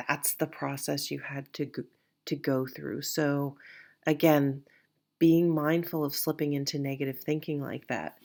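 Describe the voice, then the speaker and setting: A woman with a low, darkish voice gives a casual tarot reading, sounding nasal, sniffly and stuffed-up from allergies. She rambles in a reassuring way, restarting often and leaning on plenty of fillers.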